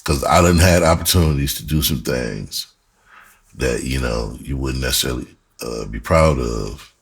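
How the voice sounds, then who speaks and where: A middle-aged man who is both a podcast host and a music artist tells personal stories casually, candid and reflective, peppering his talk with streetwise slang. His voice is a husky bass, and he speaks at a moderate pace.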